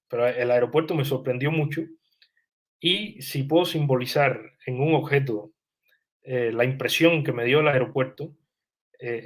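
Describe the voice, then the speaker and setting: A young man reflects slowly on his work as a writer. He often stops to restart a phrase and fills his pauses with "eh", as though searching for the right word. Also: medium pitch. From Cuba. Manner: thoughtful, hesitant, many restarts and "eh" fillers. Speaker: writer, interview guest. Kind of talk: reflective interview answers.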